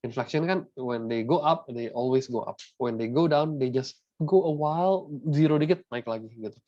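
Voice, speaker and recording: Mixing Indonesian and English, a young Indonesian-accented man teaches maths in a relaxed, chatty manner, frequently making sure his students keep up. He speaks at normal speed with a medium-pitched, darkish voice, and the recording is dull and dry.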